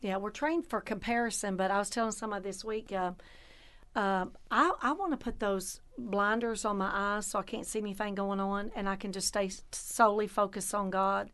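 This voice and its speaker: A woman pastor, talking about faith in an animated, exclamatory way. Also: medium pitch, a little fast, clean tone. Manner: animated, exclamatory, laughs often. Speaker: pastor, guest. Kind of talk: faith talk, preaching testimony.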